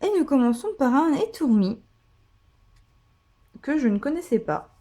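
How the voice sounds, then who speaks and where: Unhurried and warm, this woman's high voice swings widely in pitch. She's a vlogger cracking open trading card packs, chatting casually, gushing over her pulls, and using many fillers along the way.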